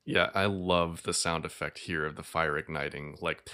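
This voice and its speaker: A man's voice: a bass voice, fairly even intonation, normal speed, bright, forceful tone, clean tone. A man co-hosting a podcast, talking enthusiastically about a film scene and leaning on "like". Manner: enthusiastic, leans on "like". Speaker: podcast co-host. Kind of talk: casual film breakdown chat.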